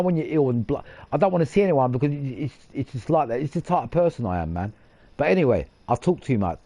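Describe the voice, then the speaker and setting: A man with a dark, mellow voice talks casually over his racing gameplay. He rambles, restarts his sentences and drops the odd swear word. His tone is boastful, and his pitch sits at an ordinary middle. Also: no echo, highs cut off. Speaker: gaming channel host. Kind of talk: casual gaming commentary.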